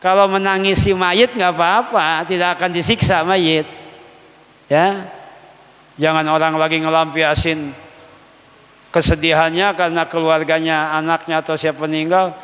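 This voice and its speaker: A male religious teacher leads a kitab study. He reads Arabic slowly, then explains it in casual, joking everyday speech. The long hall reverb trails behind each phrase. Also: on the high side, fairly even intonation, fairly bright tone.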